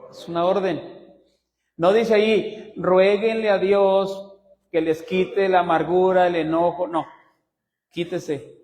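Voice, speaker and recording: A male pastor delivers a sermon in a high, lively voice, pitch leaping up on his questions to the congregation. His words ring out with a long church reverb around them. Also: takes it slowly, pauses often. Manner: preaching with rising emphasis and frequent asides to the congregation; lively pitch swings, teasing humor. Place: church sanctuary.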